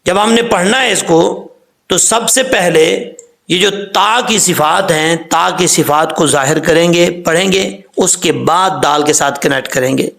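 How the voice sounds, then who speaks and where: A man with a Pakistani accent teaching Quran recitation, explaining quickly, then drawing out recited words and spellings slowly. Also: sits high, gravelly, a bit bright.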